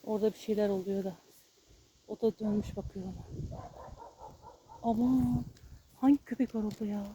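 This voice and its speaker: A woman vlogging while out walking her dog, talking to it in a hushed, fussing way and to her viewers. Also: mid-range voice, normal speed, slight background noise. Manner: fussing and soothing, often hushed, then loud and pleading. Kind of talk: casual vlog narration and talking to her dog. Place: outdoors on a street.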